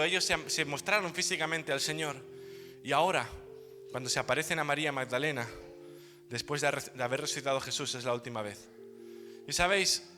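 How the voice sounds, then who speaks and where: A man preaching a sermon as pastor, telling the story in a lively way with playful humor. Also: fairly high pitch. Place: church hall. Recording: hall reverb with soft music behind.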